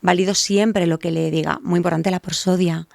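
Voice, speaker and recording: Lady w/ a gravelly lowish voice, explains stuff to parents, acts out little examples, dry close sound. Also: normal speed, no echo. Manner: clear explanatory talk with lively acted examples for parents. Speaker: child language specialist guest. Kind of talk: explanatory podcast interview.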